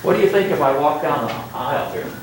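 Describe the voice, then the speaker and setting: An older college instructor, masked, gives a classroom lecture in a slightly high, animated voice at a somewhat fast pace. He chats, pokes fun at himself, and asks the students questions, recorded from a distance in a roomy room with slight background noise.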